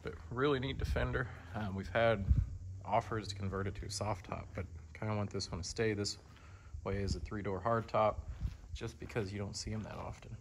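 A man giving a relaxed, conversational walkaround of a car in a large indoor showroom, speaking from behind the camera. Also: lowish voice, a little fast, creaky, a little hiss or hum. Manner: relaxed, conversational, lots of fillers. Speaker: car dealer. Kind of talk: casual walkaround sales tour.

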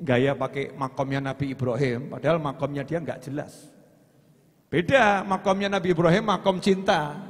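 A man preaches a sermon, chanting lines of devotional poetry in between. He swings from loud cries down to hushed, low asides. His voice rings out with a long echo through a large hall. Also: steady tone, moderate pace.

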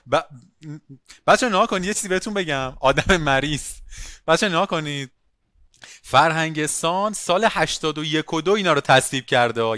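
Bright, lively male teacher. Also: fairly high pitch, no room sound, clean studio sound. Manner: lively, calls on students by name, asks questions. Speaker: biology teacher. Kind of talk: online class lecture.

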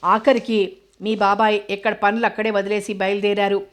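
A woman narrating a novel as an audiobook, with a steady, even reading. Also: medium pitch, moderate pace.

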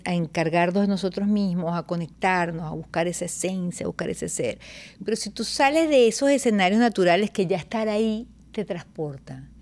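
A woman's voice: medium pitch, darkish tone. A woman, a radio host asking thoughtful, conversational questions in an interview.

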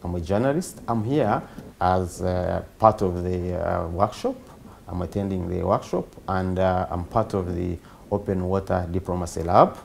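A man from Uganda in his thirties, a journalist answering interview questions quickly and repeating himself. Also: low voice, creaky, slight background noise.

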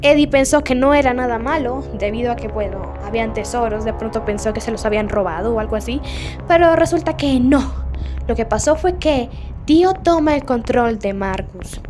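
A woman YouTuber giving chatty, jokey commentary on a game's story, retelling scenes with animated asides. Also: fairly high pitch, normal speed, over music. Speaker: gaming YouTuber. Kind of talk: game story analysis commentary.

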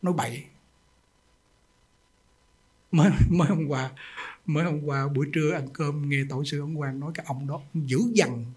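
A man's voice: fairly high pitch, fairly even intonation, moderate pace, pauses often, darkish tone, slightly rough. A man, a Buddhist monk giving a sermon in an emphatic, folksy storytelling way with rhetorical questions.

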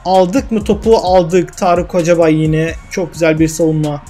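A young man with a high voice commentates his football video game into a desk mic, swinging from calm narration to excited shouts and frustrated grumbling. Faint game music runs quietly underneath. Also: moderate pace. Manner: emotional, swings from calm commentary to yelling at goals and cursing misses. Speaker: gaming YouTuber.

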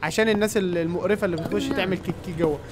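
A young man with an Egyptian Arabic accent giving excited running commentary on a game and talking to his viewers. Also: sits high, racing, background noise. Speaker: gaming YouTuber. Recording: game music playing behind.

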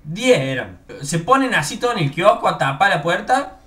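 Young Córdoba man, YouTuber storyteller: high, bright voice, animated and comic, acts out the people he quotes. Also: moderate pace. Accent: Argentine, Córdoba. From Córdoba, Argentina. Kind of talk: casual storytelling.

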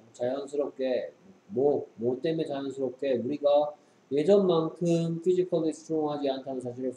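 A man's voice: medium pitch, mellow. A man tutoring English, reading sentences aloud and quizzing his student with short questions. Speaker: English teacher. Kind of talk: tutoring lesson, reading and explaining English text. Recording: echoey room with faint background noise.

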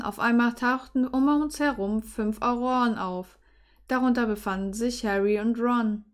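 A woman's voice: a little high, clean tone. A young woman reading her own fan fiction in first person, earnest, with small slips and self-corrections.

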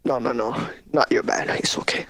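A man's voice: normal speed, faint music behind. A young man chatting bluntly with friends while gaming, swearing freely. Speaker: gamer. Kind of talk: casual chat while gaming. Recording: loud game gunfire behind the voice.

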